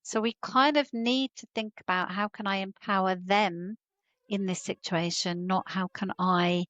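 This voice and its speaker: A woman guest on a podcast who explains parenting advice calmly and fluently. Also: mid-range voice, unhurried, no echo, dull audio. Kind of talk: explanatory interview answers.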